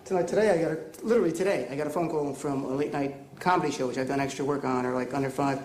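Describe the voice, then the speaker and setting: A man, a comedian, telling jokes in a quick, emphatic, earnest way. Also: medium pitch, a little mellow, echoey room, a little hiss or hum, low-quality recording. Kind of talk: stand-up and interview storytelling.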